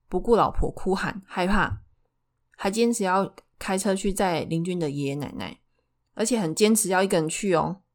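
A woman with a Taiwanese Mandarin accent telling true crime in a conversational way as a narrator, putting questions to her listeners. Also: lowish voice. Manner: poses rhetorical questions to listeners.

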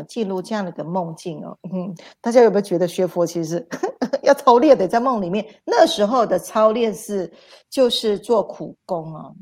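A woman, a spiritual teacher telling dream stories on a livestream in an animated, repetitive way. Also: lowish voice. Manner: animated, repetitive retelling with sound words. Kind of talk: livestream storytelling talk.

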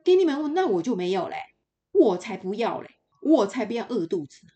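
A woman voicing a selfish, rude, spoiled young girl in a children's story, sneering and shrill. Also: big pitch swings, brisk, mellow. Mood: scornful.

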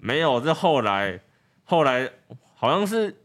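A man telling a childhood story in a casual podcast chat, animated, laughing and restarting often. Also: medium pitch, unhurried. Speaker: guest storyteller.

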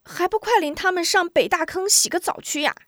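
A woman voicing a cheeky, clever little village girl who teases and bosses the others in a shrill voice. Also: a little fast, fairly bright tone, dry recording, clean studio sound. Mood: teasing. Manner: shrill, teasing and bossy.

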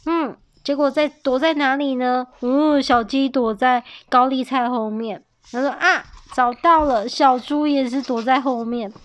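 A woman reads a picture book aloud to her young daughter, lively and playful, often stopping to ask her questions. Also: sits high, unhurried, hardly any pauses. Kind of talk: animated picture-book reading to a child.

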